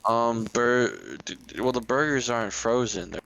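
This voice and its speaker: A young man co-hosting a podcast in casual chat, rambling and halting with lots of fillers and restarts. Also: medium pitch, fairly bright tone, smooth, low-quality recording. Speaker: podcast co-host.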